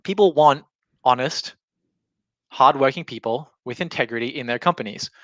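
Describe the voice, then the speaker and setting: A man's voice: medium pitch, bright, forceful tone, no room sound. A man giving an informal explanatory talk as a business trainer, in a conversational way with illustrative examples. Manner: conversational, illustrating points with imagined quotes. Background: alarm going off.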